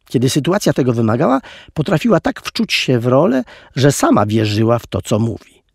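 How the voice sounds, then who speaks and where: Man reading a storybook, very lively pitch, close dry studio sound. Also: a little fast, vocal fry, slightly rough, no room sound. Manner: expressive, animated storytelling. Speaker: audiobook reader. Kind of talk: audiobook narration.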